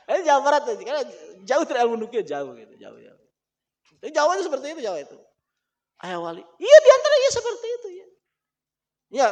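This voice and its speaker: Lively Sundanese-accented male religious teacher. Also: high-pitched. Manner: animated, laughs often, mixes languages. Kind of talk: Islamic book study lecture.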